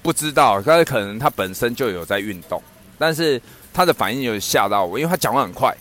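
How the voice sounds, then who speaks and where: A man's voice: mid-range voice, quick pace. A man casually telling a funny anecdote, laughing often and acting out what others said. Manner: animated, laughs often, acts out quoted speech. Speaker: storyteller in a podcast chat.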